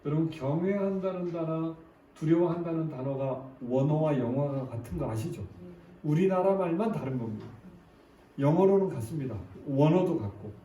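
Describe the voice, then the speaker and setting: A man's voice: on the high side, normal speed, warm tone, a little hiss or hum. A man preaching a sermon, often asking the congregation questions and acting out prayers in their voice. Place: church sanctuary. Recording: echoey church recorded from a distance.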